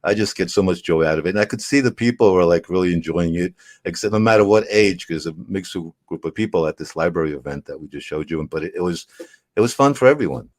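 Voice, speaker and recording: A man hosting an interview, talking casually in a halting way with many fillers. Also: deep voice, expressive, a little mellow. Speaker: host.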